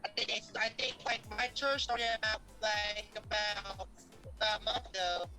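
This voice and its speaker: A man's voice: sits high, steady tone, music in the background. Hesitant call participant, male, on a choppy laptop connection that buffers and stutters mid-word. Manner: halting, hesitant, with many fillers. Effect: choppy, buffering internet connection that breaks up. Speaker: participant on a group video call.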